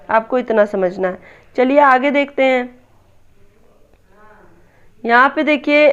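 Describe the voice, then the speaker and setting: A woman's voice: a little high, smooth. A woman tutoring for a teaching exam, walking through answers step by step, often asking a question and then answering it herself. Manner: repeats "दोस्तों", asks and answers own questions. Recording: slightly dull lo-fi audio.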